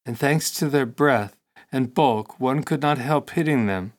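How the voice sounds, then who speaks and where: A man's voice: mid-range voice, a little slow, lightly acted. Cyrus, an eager boy prince, read by a man. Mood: enthusiastic.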